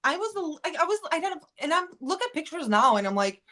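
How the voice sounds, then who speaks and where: An American woman with a high, pushed, bright voice talks a little fast with big swings in pitch. She's a guest on a casual podcast, speaking candidly and rambling, with lots of "like" and frequent restarts.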